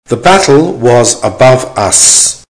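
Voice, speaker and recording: A man reading a dictation exercise as a teacher, in short, measured, deliberate phrases with punctuation spoken aloud. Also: medium pitch, expressive, poor audio. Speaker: language teacher giving dictation.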